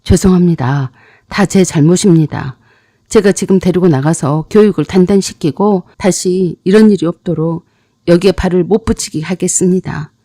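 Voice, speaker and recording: A woman's voice: lowish voice, normal speed, mellow, dry recording, studio quality, lightly acted. A woman voicing a deferential, groveling male bar manager in a story narration. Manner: apologetic, deferential.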